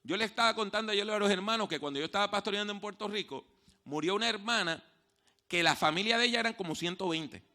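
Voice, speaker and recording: A man preaching a sermon as pastor, telling stories and dropping from hushed tones to loud outbursts, repeating key phrases slowly for emphasis. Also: high voice. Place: church.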